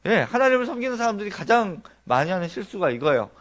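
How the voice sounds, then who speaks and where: A man's voice: high-pitched, big pitch swings, fast talker, fairly bright tone. A man preaching a Sunday sermon in a church, explaining his points one by one in an earnest, conversational tone and asking the congregation rhetorical questions. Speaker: pastor. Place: church sanctuary.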